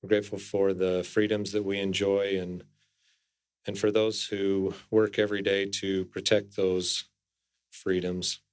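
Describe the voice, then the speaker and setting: A man's voice: sits low, flat delivery. A city council member, a man, offers a solemn formal prayer into a podium microphone in a council chamber. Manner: solemn, measured, reverent wording.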